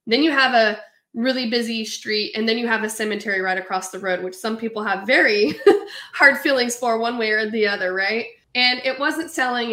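A woman in her thirties from California, an entrepreneur guest telling her story in an animated, chatty way. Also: on the high side, reverberant. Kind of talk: casual interview storytelling.

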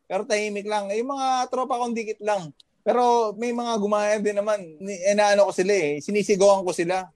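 Man from the Philippines, trainer guest, high voice, dry close sound, pep-talk delivery peppered with fillers. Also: fairly even intonation, fairly quick, a little mellow, no room sound. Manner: motivational, full of fillers and tag questions. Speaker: guest, fitness trainer working abroad. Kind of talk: casual podcast chat.

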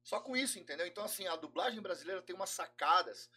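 A man's voice: sits high, lively intonation, fast talker, sharp tone, husky, faint music behind. A Brazilian man with a Brazilian Portuguese accent, a podcast guest chatting casually and explaining things at length with enthusiasm.

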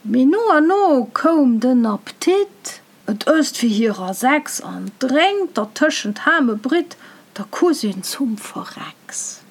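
A woman reciting a rhyming dialect tale in a measured, rhythmic way. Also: high voice, very animated. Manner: measured, rhythmic verse delivery. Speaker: storyteller.

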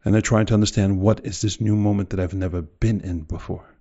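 A man's voice: fairly low pitch, fairly even intonation, brisk, dark tone, highs cut off. A man delivering a motivational speech in an emphatic, direct way, full of rhetorical questions and repetition. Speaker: motivational speaker.

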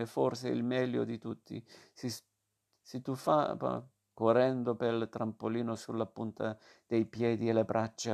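A man reading a novel aloud as narrator, steady and measured. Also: medium pitch, creaky.

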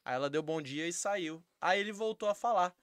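A man's voice: high-pitched, fairly quick, clean tone, dry recording. A Brazilian man chatting casually on a podcast, telling stories and acting out the people in them. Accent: Brazilian Portuguese. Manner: animated storyteller acting out quotes.

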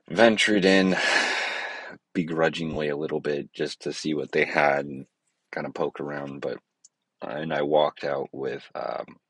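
A man with a rumbling low, creaky voice and a breathy edge hosts his own podcast, with no echo on the recording. His rambling, casual monologue meanders and hesitates, full of fillers and self-corrections.

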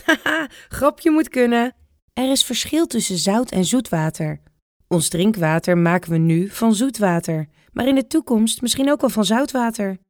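A woman reading a children's storybook aloud in a clear, even storytelling manner. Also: medium pitch, normal speed, no room sound, clean studio sound.

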